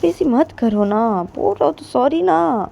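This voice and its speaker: A woman voicing a gentle young woman who apologizes and pleads in a soft, half-whispered voice. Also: mid-range voice, fairly quick, vocal fry, a little hiss or hum, pitched above the performer's own voice, natural voice. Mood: pleading.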